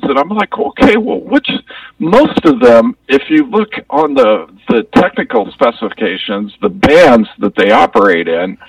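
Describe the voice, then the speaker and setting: A man's voice: fairly high pitch, vocal fry, no room sound. Man talking through a tube. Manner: laid-back slangy talk. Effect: muffled, sounds like talking through a tube. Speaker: co-host. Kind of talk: casual podcast chat. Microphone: 4G phone. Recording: distant lo-fi phone line.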